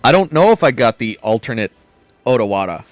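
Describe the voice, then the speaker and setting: A man's voice: mid-range voice, very animated, a little fast, soft background music. A man live-streaming a game, chatting casually with rambling asides and fillers. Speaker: gaming streamer.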